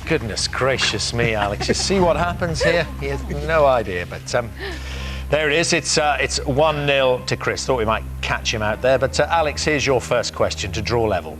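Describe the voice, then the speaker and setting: A male game show host in a TV studio, reading out multiple-choice questions at a brisk clip. He keeps things lively and drops in the odd "uh" as he chats with the players. His voice sits at an ordinary mid pitch. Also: soft background music. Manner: brisk, upbeat, with frequent "uh" fillers. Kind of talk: television quiz hosting. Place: television studio.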